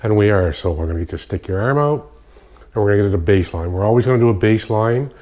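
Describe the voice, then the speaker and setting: A man's voice: fairly low pitch, lively intonation, fast talker, a little mellow. A man with a stuffy, nasal voice from a sinus infection, explaining a technique in a casual demonstration and often stopping to correct himself. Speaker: kinesiology practitioner. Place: indoor room at night, dim light. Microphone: phone.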